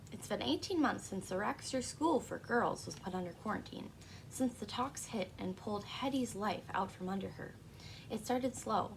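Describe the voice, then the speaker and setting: A woman in a soft-spoken ASMR role-play as a librarian, talking in a hushed, gentle library voice with a creaky edge. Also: medium pitch, background noise.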